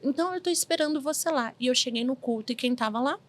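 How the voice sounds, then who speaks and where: Her voice sits high and she talks fast. She's a woman in her forties, a medium from Brazil, recounting her life in a casual interview and lively performing the voices of those she quotes.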